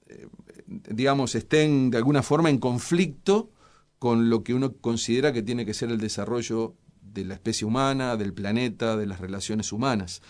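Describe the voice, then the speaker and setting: A middle-aged man with a Uruguayan accent, answering interview questions as a scientist in a measured, explanatory way with frequent hesitations. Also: medium pitch, a little mellow. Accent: Uruguayan Spanish. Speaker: scientist guest.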